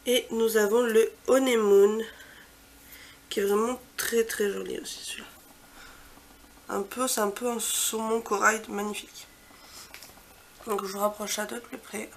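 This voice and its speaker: A woman beauty vlogger talks through a swatch walkthrough with a gravelly, creaky edge to her mid-pitched voice. She heaps on the superlatives, then drops into soft, murmured asides. A faint hum of background noise sits under her. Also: steady tone, a little slow, long pauses. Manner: chatty, trails off into soft quiet asides; gushing, repeats superlatives. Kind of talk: casual product swatch walkthrough.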